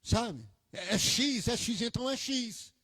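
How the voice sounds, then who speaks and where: Male pastor, high voice, animated storytelling sermon with swings from quiet to emphatic, dry close sound. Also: unhurried, no echo. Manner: animated preaching, swings from quiet asides to loud emphatic peaks. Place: church.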